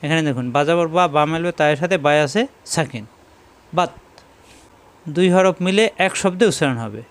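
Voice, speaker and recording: A man teaching Quran reading, giving slow step-by-step lessons and repeating each sound several times. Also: fairly high pitch, clean tone.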